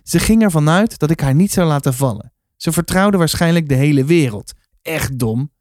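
A man reading a children's novel aloud in a calm, measured storytelling manner. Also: a little high, no echo, studio quality. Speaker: reader.

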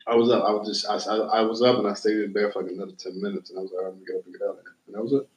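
A man's voice: lowish voice, level tone, very fast, echoey room, muffled recording. A man from Philadelphia with a Philadelphia accent, co-hosting a casual podcast chat, laid-back and joking, swearing freely. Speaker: podcast co-host.

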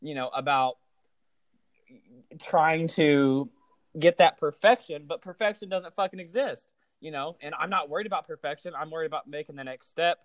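A twenty-year-old man hosts a podcast in a casual chat, talking loosely, swearing often, and using lots of fillers. His voice is a little high at a moderate pace, with no room sound.

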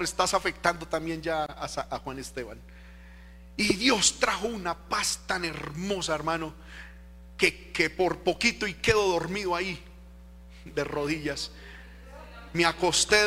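A male pastor preaching a sermon in a church, swinging between loud impassioned cries and hushed personal storytelling. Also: a little high. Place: church sanctuary. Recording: echoey hall with faint hum.

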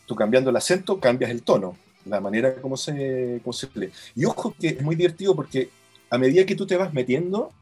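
A man's voice: medium pitch, expressive, fairly quick, darkish tone, breathy edge, faint music behind. A man, an app co-founder, patiently explaining how a product works in a demo.

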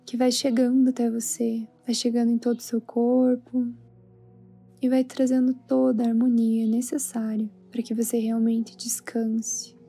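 A Brazilian woman guiding a sleep meditation in a soothing, hushed, spa-like manner. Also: a little high, little pitch movement, moderate pace, husky. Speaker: meditation guide. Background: soft background music.

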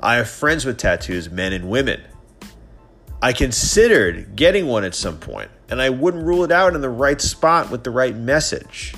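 A man's voice: medium pitch, a bit bright. A man in his thirties hosting a solo podcast of opinion and sports commentary, sounding stuffy and nasal from a head cold, as if his nose were pinched, with a slightly scratchy throat. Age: 30s. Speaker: podcast host.

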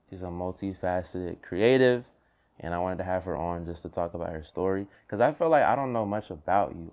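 A young man hosting a casual podcast interview in a bedroom, with an easygoing, relaxed way of talking and frequent laughter. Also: low-pitched. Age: young adult. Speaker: podcast host.

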